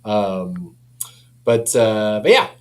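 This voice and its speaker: A company representative explains audio products in an easygoing, colloquial way, often saying "you know." He has a fairly low voice with lively intonation and talks very slowly. Clear background noise and a hum sit under the recording.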